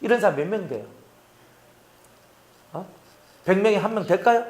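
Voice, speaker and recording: A man's voice: high-pitched, expressive, normal speed, a little mellow. A male pastor preaching a sermon, often acting out quoted voices and talking with his congregation. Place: church.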